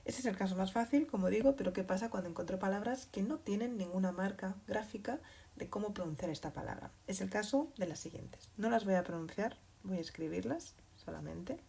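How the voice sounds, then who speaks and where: A woman teaching Spanish to learners, speaking slowly and patiently, often checking in with a questioning "mm?". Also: medium pitch, gravelly, mellow, husky. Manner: slow and deliberate, spells out examples. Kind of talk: explaining grammar to learners.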